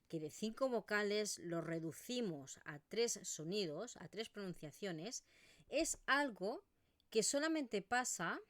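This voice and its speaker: Slow, careful woman teaching. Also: medium pitch, no room sound, clean studio sound. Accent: Eastern Catalan. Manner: slow, explanatory, models vowel sounds aloud. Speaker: Catalan language teacher. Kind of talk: online video lesson.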